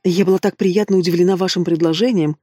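A man's voice: steady tone, fast, dark tone, slightly rough, no room sound, studio quality, soft background music. Man doing a purring young noble lady. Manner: purring, then squeaking.

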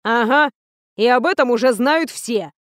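A woman's voice: on the high side, a little slow, no echo, lightly acted. A woman voicing a young male fey student who talks curtly and with dry sarcasm. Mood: dry, sardonic. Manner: curt, sarcastic.

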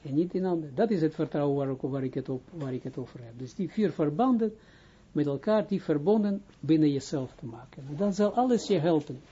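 A man teaching as a rabbi, his voice very mellow and dark with a husky grain, pitched a little above most men. He speaks haltingly, starting phrases over and pausing to check that listeners follow. The recording sounds dull and lo-fi. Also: animated. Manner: halting, restarts phrases, keeps checking understanding. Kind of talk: informal spoken lesson.

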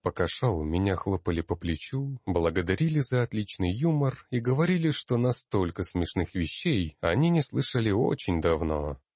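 A man's voice: deep voice, big pitch swings, normal speed, few pauses, darkish tone, no echo, clean studio sound. A man narrating a fantasy audiobook in the first person, reading expressively with emphasis.

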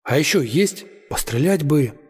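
A man voicing an eager, curious teenage boy, in a husky voice. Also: on the high side, measured pace, in a large hall, full character voice. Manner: excited then hesitant.

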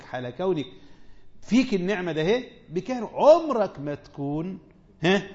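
An Egyptian man gives a religious lesson in a fairly high voice that rises and falls a lot. He keeps questioning his listeners and hammers home points with quick repeated phrases. The recording sounds dull and lo-fi. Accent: Egyptian Arabic. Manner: animated, asks the audience questions, repeats short phrases for emphasis. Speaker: sheikh teaching a tafsir lesson.

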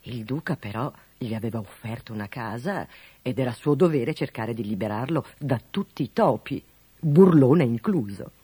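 A storyteller reading a children's fable aloud in an expressive, animated way. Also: mid-range voice, moderate pace, husky, no room sound. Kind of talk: scripted storybook narration.

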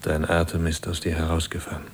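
An actor playing a devoted husband caring for his dying wife, speaking gently and often in a whisper, in a German radio play. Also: sits low, completely flat delivery, brisk, slight background noise. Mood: gentle.

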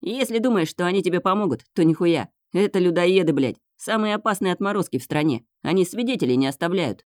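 A woman reading aloud voices an obsessive, menacing young man who snarls, swears and bursts into shouting. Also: on the low side, animated, fast talker, hardly any pauses, no room sound, clean studio sound, close to an everyday voice. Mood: bitter.

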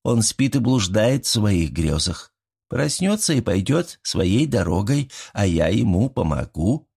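A man voicing a calm, soft-spoken but insistent old grandmother spirit in a fairy tale. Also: on the low side, a little slow, creaky, husky, heavily acted. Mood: calm, firm.

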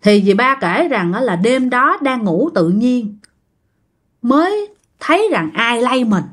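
A woman's voice: a little high, sing-song, slow pace. A woman with a Southern Vietnamese accent narrating a ghost story in a chatty way, talking straight to her listeners. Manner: chatty, addresses listeners directly.

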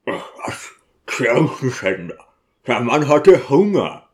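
Ein Mann, der einen aufbrausenden, sturen Diakon spricht, laut und beharrlich. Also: male voice, medium pitch, sing-song, takes it slowly. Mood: pleading. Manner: loud, pleading and defiant. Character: burly hot-tempered male deacon, loud and stubborn.

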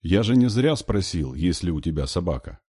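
A man's voice: sits low, sing-song, normal speed, dark tone, slightly rough, no echo, clean studio sound, full character voice. A male reader voicing a cocky teenage boy who speaks in an offhand drawl.

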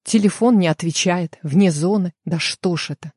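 A frantic middle-aged village mother in an audiobook, as a woman reader puts her on, pleading and worried. Husky, somewhat low voice, close and dry. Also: moderate pace, darkish tone, dry recording. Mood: anxious. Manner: anxious, pleading.

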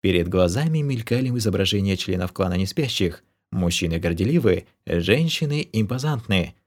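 Low wry male audiobook narrator. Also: expressive, normal speed. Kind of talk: first-person fantasy audiobook narration.

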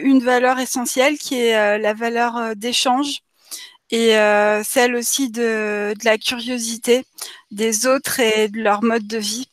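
A woman's voice: fairly high pitch, no room sound, natural voice. A woman playing a diplomatic, earnest traveler in an improvised tabletop role-play, hesitantly searching for words.

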